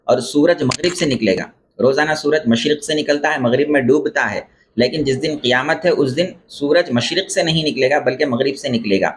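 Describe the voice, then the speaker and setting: Male scholar, religious lecture, measured explaining voice, middle pitch, repeats key phrases. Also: a little hiss or hum. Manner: explains terms and corrects pronunciation. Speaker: Islamic scholar teaching beliefs.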